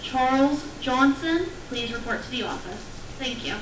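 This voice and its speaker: High woman's voice over a school intercom. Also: background noise. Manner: formal, measured, polite. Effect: school intercom loudspeaker announcement. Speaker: school office staff making an announcement. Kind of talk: public address announcement. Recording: echoey loudspeaker heard from far off in a classroom.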